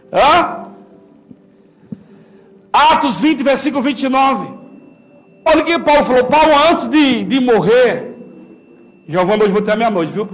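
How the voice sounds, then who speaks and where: A man with a Brazilian Portuguese accent, a pastor preaching a sermon in a colloquial, repetitive way, moving between loud calls and low asides.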